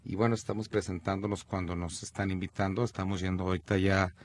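A man's voice: low-pitched, little pitch movement, fast, no room sound. A man with a Mexican accent, a musician and theater director, chatting on a cultural radio show in a rambling, thoughtful way. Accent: Mexican Spanish. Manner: rambling, thoughtful, restarts often. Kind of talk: casual radio chat.

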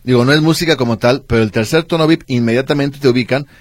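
A man co-hosting a radio show, reading listener messages and chatting quickly with his partner. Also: mid-range voice, no room sound. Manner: quick, conversational, calls partner "tocayo". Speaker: radio co-host.

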